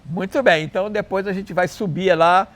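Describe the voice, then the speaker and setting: A man's voice: high-pitched, steady tone, moderate pace, a bit bright. A man hosting an interview in a friendly, chatty way, often restarting his sentences. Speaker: interviewer, show host. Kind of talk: casual interview.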